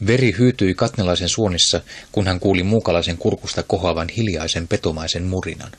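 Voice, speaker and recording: A man narrating an audiobook in a steady, even storytelling manner. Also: sits low, slightly rough. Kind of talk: scripted narration.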